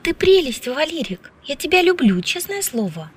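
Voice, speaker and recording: A woman's voice: high voice, expressive, moderate pace, slightly rough, voice pushed up. A woman reading an audiobook, voicing a bold, flirtatious, outspoken woman who teases freely. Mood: teasing. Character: brash, lively flirtatious woman scientist.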